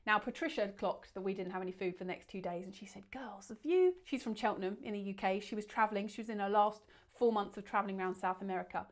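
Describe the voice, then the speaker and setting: A woman telling a bedtime adventure story in a lively way, acting out the quoted lines with big shouts. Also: mid-range voice, rapid-fire, few pauses.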